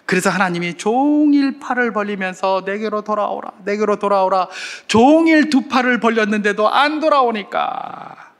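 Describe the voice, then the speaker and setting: Male pastor preaching, with animated swings and rhetorical questions. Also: fairly high pitch. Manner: animated preaching with acted-out crowd shouts. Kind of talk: sermon.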